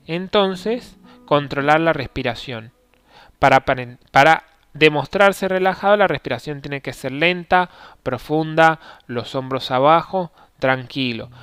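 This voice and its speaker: A man hosting an instructional podcast, explaining step by step in a calm, measured way with occasional hesitations. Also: on the high side. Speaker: podcast host teaching negotiation.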